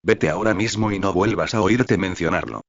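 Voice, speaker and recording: A man's voice: deep voice, fairly quick, gravelly. A man reading the lines of a nervous, stout older professor, defensive and irritable. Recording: dull lo-fi audio.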